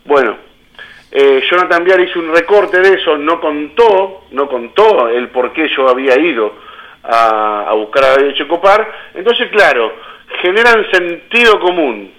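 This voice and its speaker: Argentine man, radio guest, bright forceful voice, indignant, repeats himself, slightly high pitch. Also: animated, a little slow, poor audio. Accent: Argentine Spanish. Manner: indignant, repeats himself, voices his own quoted confrontations. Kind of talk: heated radio interview.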